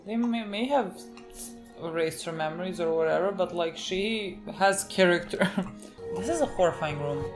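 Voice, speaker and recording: A woman's voice: fairly low pitch, moderate pace, over music. A woman hosting a reaction video, chatting casually and thinking aloud with lots of "like". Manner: animated, thinking aloud, frequent "like".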